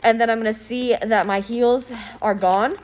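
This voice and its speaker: A woman's voice: a little high, steady tone, moderate pace, a little mellow, slight background noise. A young woman casually planning a skit, rambling with lots of fillers and frequent swearing.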